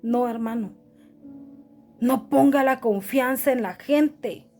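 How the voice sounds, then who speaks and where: A woman's voice: on the high side, slow pace, dark tone, faint music behind. A middle-aged woman pastor, preaching earnestly and calling her listeners brother. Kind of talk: sermon.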